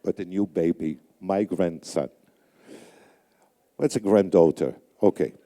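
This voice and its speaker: An older man raised on Yiddish, a radio announcer hosting a conference, gives emcee remarks into a microphone on stage. His low, very dark voice rings through a large, reverberant hall as he speaks slowly and deliberately, halting with fillers and small pauses while choosing his words.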